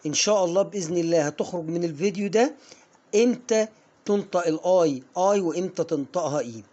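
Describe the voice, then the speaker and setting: Egyptian man, fairly high voice, English pronunciation teacher, coaxing, drawn-out example words. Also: warm tone, dull audio. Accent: Egyptian Arabic. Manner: coaxing, drills viewers, slows down to model words. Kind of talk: online lesson to camera.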